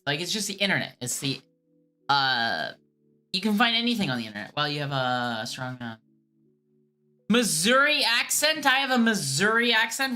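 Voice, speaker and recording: A woman streamer who does scam baiting answers viewer questions haltingly and earnestly, restarting often. Her voice is lowish with a sharp tone.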